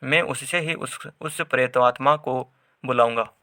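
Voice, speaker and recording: A man's voice: mid-range voice, measured pace, pushed and bright, no room sound, clean studio sound. A man voicing a stern, commanding older male exorcist in a read-aloud story.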